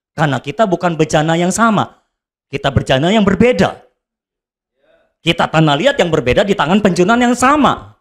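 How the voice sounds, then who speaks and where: High-voiced preaching man, emphatic. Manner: emphatic, rhetorical questions to the congregation, swings between soft and shouted. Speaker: pastor. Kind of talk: sermon.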